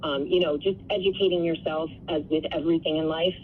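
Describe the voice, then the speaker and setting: A woman's voice: deep voice, steady tone, fast, slight background noise. Woman on a thin, tinny phone line. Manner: earnest, explanatory. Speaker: interview guest. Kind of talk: conversational radio interview. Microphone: telephone.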